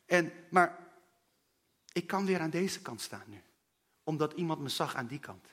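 A man's voice: fairly high pitch, animated, measured pace, fairly bright tone. A man preaching a sermon in an earnest, personal way and speaking straight to his listeners.

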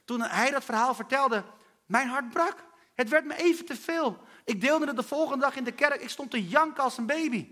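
A man's voice: very high-pitched, moderate pace, bright, forceful tone. A man preaching a sermon in an earnest, personal way and speaking straight to his listeners.

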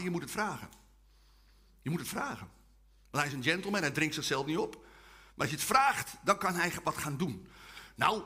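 Lively, bright-voiced male preacher. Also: high voice, husky. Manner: humorous, animated, leads call-and-response chants. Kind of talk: testimony sermon to a live audience.

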